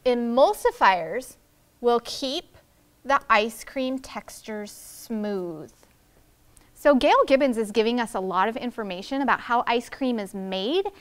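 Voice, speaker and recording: Unhurried and expressive, a first grade teacher in her thirties reads aloud to young children in her classroom. Her smooth voice sits a little high, and she enunciates the big words carefully.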